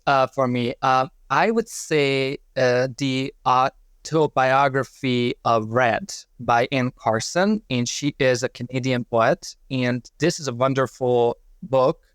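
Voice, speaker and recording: A man's voice: medium pitch, clear, resonant tone, dry recording, studio quality. A man from Hungary, a lecturer, answering interview questions thoughtfully with many fillers over a remote call. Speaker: lecturer and guest. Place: joining virtually from home.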